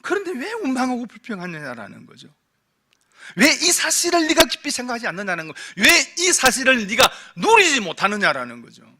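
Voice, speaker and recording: A man preaches a Sunday sermon from the pulpit of a church, speaking in a high, bright and forceful voice. He keeps putting rhetorical questions to his congregation. His delivery swings between loud, pressing emphasis and hushed, low stretches. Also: huge pitch swings, brisk. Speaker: pastor. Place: church sanctuary.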